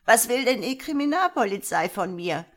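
Woman reader voicing a frail old lady in an audiobook; high, loud, shaky, almost shouting. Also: big pitch swings, moderate pace. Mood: shrill suspicious. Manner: near-shouting, quavering.

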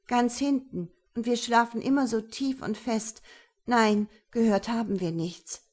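A woman's voice: fairly high pitch, fairly even intonation, unhurried, darkish tone, pitched above the performer's own voice. A woman reading an audiobook, voicing a naive young woman who pipes and whines. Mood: innocent. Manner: piping, whiny.

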